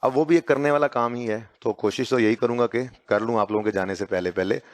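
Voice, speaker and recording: A man with a Pakistani Urdu accent teaching accounting in a classroom, dictating notes slowly and urging his students to hurry. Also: medium pitch, dry recording. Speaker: accounting lecturer. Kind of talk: classroom lecture.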